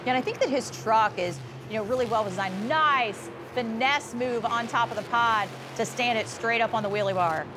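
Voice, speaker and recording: With music in the background, a woman calls the action on a motorsport show as an upbeat arena sports commentator, engines audible behind her. She speaks on the high side at a moderate pace, with few pauses.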